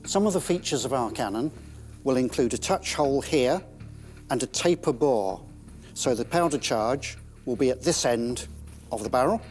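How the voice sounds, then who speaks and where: A man's voice: medium pitch, lively intonation, normal speed, darkish tone, soft background music. A man presenting and explaining as an expert in a documentary.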